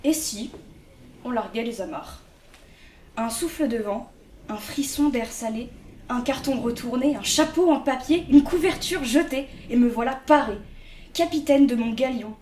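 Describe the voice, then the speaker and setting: Woman reciting slam poetry, rhythmic and lyrical, high-ish voice, echoey. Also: mellow, distant mic, a little hiss or hum. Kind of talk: spoken-word poetry performance. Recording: echoey room.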